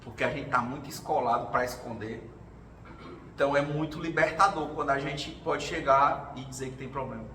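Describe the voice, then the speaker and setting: A man talks fairly quickly in a mid-range voice, his tone steady and sharp, as he gives a casual talk at a spiritual gathering. He shares experiences from his life as stories and performs others' quoted words. Captured in a roomy hall on a distant mic, with faint noise.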